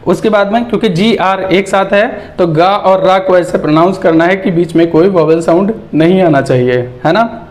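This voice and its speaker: A man teaching English reading as a lesson, breaking words into sounds and repeating syllables slowly and patiently. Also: high voice. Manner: patient, checks in with "okay?". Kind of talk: explanatory lesson.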